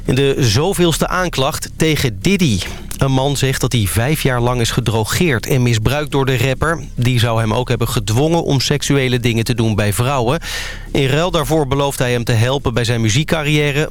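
A man's voice: medium pitch, moderate pace. A man with a Netherlands Dutch accent reading a scripted radio news bulletin. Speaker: radio newsreader.

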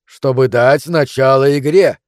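A man voicing a cruel male monster that hisses its words slowly with sickening glee. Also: medium pitch, no echo, studio quality, natural voice. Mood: gloating. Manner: hissing, slow and mocking.

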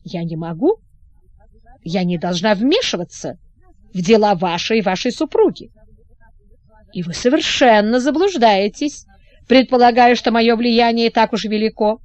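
A woman reading as a quiet, bored lady-in-waiting. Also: on the high side, expressive, measured pace, pauses often, no room sound, highs cut off. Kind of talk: audiobook character reading.

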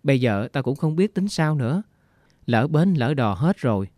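A man's voice: mid-range voice, very animated, moderate pace, warm tone, no room sound, natural voice. Man voicing a sick homesick woman, plaintive, weary, dry close sound, storybook audio. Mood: worried. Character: frail homesick middle-aged woman, ill.

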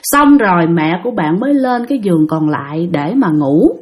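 A woman's voice: on the low side, lively intonation, normal speed. A young woman telling a ghost story in a chatty way, talking straight to her listeners. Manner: chatty, addresses listeners directly.

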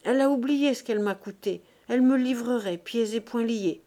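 A resentful, self-pitying market aunt, whining about being alone and wronged, as a woman narrator puts her on in a storybook reading. Her voice rides a little higher than the narration. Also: animated, moderate pace, mellow. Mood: plaintive. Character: plaintive resentful middle-aged aunt.

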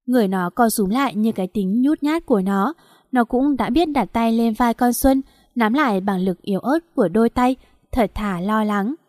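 A woman reading a novel aloud as narrator, in a steady, even storytelling manner. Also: on the high side, moderate pace, no room sound, clean studio sound. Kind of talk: scripted audiobook narration.

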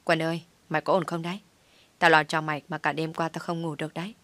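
A woman's voice: low-pitched, little pitch movement, quick pace, fairly bright tone, no echo. Woman reading a fretful young office buddy. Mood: worried. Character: young man, worried loyal office friend.

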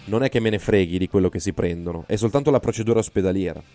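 A man's voice: sits low, very fast, mellow, faint music behind. A man voicing an irritable, squeamish male hospital doctor in an audiobook reading, snapping out his orders. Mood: disgusted. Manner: snappish, disgusted.

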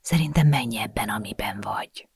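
A gentle, wry middle-aged father, as a male narrator plays him in an audiobook. He talks softly and teasingly, soothing rather than scolding, in a gravelly voice recorded dry and close. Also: medium pitch, expressive, no echo. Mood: hushed. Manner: soft-spoken, teasing, conciliatory.

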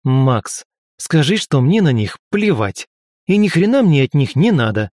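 A man's voice: a little high, sing-song, unhurried, a little mellow, dry recording, clean studio sound. Man putting on a snarling tiny hamster god. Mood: scornful. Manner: boastful and scornful, snapping insults. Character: irritable arrogant tiny male hamster deity.

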